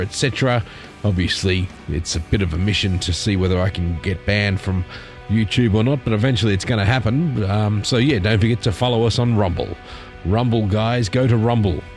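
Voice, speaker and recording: A man hosting a satirical news commentary channel talks casually and sardonically about memes, rambling along. His voice is lowish and a little mellow, with music in the background.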